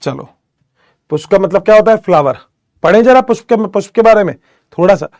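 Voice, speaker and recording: A man's voice: high voice, lively intonation, a little fast, a little mellow, no echo, studio quality. A young man teaching biology in a casual, joking manner, telling a story to his students and calling them beta. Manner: chatty, addresses students as beta, jokes often. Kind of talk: casual classroom lecture with storytelling.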